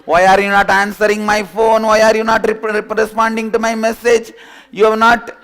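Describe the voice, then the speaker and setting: A man with an Indian English accent voicing an angry young woman who scolds her boyfriend over the phone with rapid, repeated questions. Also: high voice, monotone, fairly bright tone, smooth, pitched above the performer's own voice. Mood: shrill scolding.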